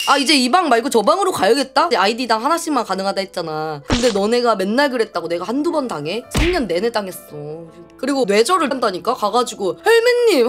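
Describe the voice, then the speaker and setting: A young woman streamer chatting casually, venting in a sulky, whiny way with sudden loud outbursts. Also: on the high side. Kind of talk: casual livestream chat.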